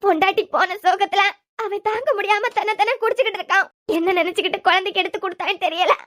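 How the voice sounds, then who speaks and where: A woman's voice: extremely high pitch, fairly even intonation, quick pace, fairly bright tone. A woman with a Kanyakumari Tamil accent voicing a middle-aged mother begging mercy for her son in a cartoon. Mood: pleading. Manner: imploring, plaintive.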